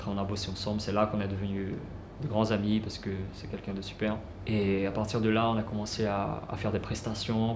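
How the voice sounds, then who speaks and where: A man telling his life story casually, unhurried, with many fillers and restarts. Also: on the low side. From French Guiana. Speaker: musician. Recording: roomy with clear background noise.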